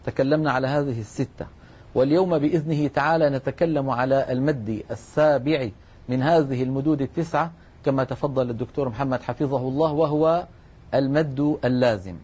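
Husky man teaching a patient lesson. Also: mid-range voice, darkish tone. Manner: measured, patient, repeats key points. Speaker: Quran recitation teacher. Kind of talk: explanatory lesson.

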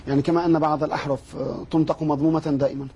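Brisk host, man, mellow and husky. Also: a little high, flat delivery. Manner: courteous, brisk, quick affirmations. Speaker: program host and moderator. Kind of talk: moderating a lesson.

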